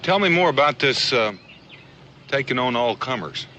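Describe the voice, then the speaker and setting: A man's voice: mid-range voice, lively intonation, normal speed, sharp tone. An actor playing an easygoing, plain-spoken frontiersman in a TV western, folksy and understated. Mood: friendly, curious. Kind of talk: 1960s television western acting. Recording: dull, noisy old TV soundtrack.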